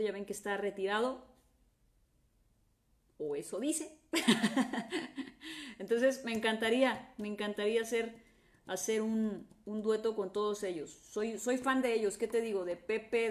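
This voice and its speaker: A woman singer with a Mexican accent chatting casually with fans on a live stream, greeting viewers by name and trailing off in restarts. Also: medium pitch.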